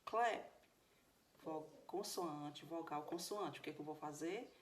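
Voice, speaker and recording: A woman with a deep voice and a Brazilian Portuguese accent teaches English grammar in a recorded video lesson, speaking a little slowly. She goes step by step and frequently checks that her students are following.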